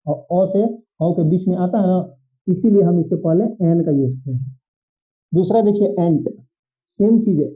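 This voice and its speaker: A man teaching an English grammar lesson, explaining patiently and repeating points, often checking in with his students. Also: a little high. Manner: repetitive, reassuring, checks in with "theek hai". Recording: dull lo-fi sound.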